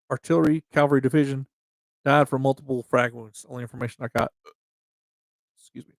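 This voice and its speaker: Gravelly-voiced man reading names, slightly slurred. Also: fairly high pitch, dry recording. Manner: halting, restarts often, reads dates and units slowly. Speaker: livestream host. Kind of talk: casual memorial reading on a livestream.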